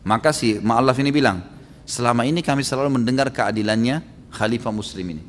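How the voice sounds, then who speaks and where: Indonesian preacher guy telling a story in a sermon, mid-pitched, acts out the voices, big hall echo. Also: quick pace. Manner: lively storyteller, acts out dialogue, frequent "gitu kan" tags. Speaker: Islamic preacher.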